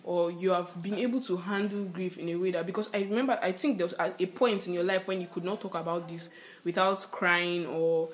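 A young woman with a Nigerian accent, co-hosting a podcast, speaking in a reflective, gently questioning way. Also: fairly low pitch, steady tone, brisk, hardly any pauses. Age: young adult. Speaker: podcast co-host. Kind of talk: casual conversation.

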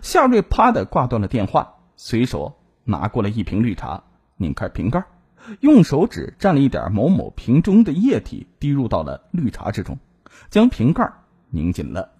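A male storyteller narrates a true-crime tale in a husky, warm and dark voice. His pitch rises and falls widely and dramatically, and he draws out the particles at the ends of his sentences. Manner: expressive, with drawn-out sentence-final particles.

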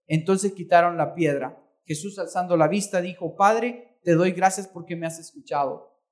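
A man preaching a sermon, reading scripture aloud and then explaining it, sometimes correcting his own reading. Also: sits high. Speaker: pastor. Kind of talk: bilingual sermon with interpreter.

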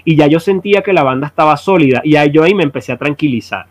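Venezuelan man, musician guest, slangy animated storyteller, slightly high voice. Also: very fast. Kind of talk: casual chat.

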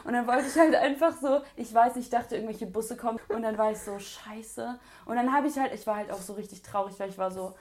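A woman's voice: on the high side, fast, few pauses. A young woman in casual chat, telling a story with lots of acted-out quotes and laughter. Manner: animated storyteller, acts out quotes, laughs often.

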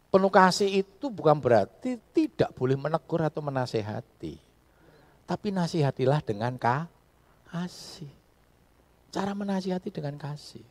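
A male pastor preaching a sermon in an animated style, breaking into loud emphatic bursts. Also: a little high. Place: church.

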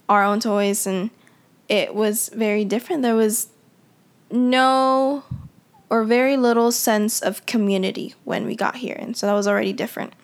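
A young woman who grew up in the Philippines tells her own story in a casual, reflective, conversational way, using many "you know" fillers. Her voice is on the high side with vocal fry, and only the audio is heard, the speaker unseen.

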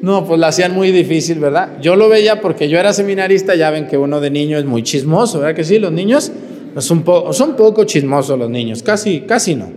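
Folksy Mexican priest in a reverberant church. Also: male voice, a little high, lively intonation, brisk, a little mellow. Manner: folksy storytelling, rhetorical asides. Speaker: parish priest. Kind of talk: sermon.

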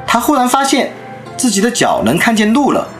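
With soft music faintly in the background, a man aged somewhere in his thirties or forties tells anecdotes in a storytelling lecture. His delivery is brisk and lively, with pitch that rises and falls a lot, and he draws his audience in.

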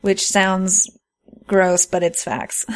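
A podcast co-host, a woman of medium pitch, talks extremely slowly with little pitch movement. Her conversation is casual, and she explains things earnestly.

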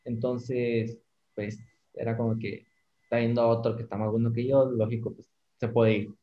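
A man with a Mexican Spanish accent talking in a relaxed, slangy casual chat with lots of fillers. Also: mid-range voice, moderate pace. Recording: slightly dull lo-fi audio.

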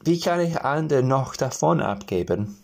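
A man's voice: mid-range voice, expressive, moderate pace, vocal fry. A man voicing a spoiled, rude young stepdaughter in a fairy tale, speaking curtly and dismissively. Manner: curt, dismissive.

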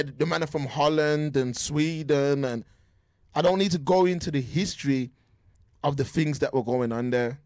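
A man's voice: mid-range voice, a little mellow, no echo, clean studio sound. A man co-hosting a podcast over a remote call, giving his opinions in a casual, talkative way with frequent restarts. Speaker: podcast co-host. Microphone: remote call audio.

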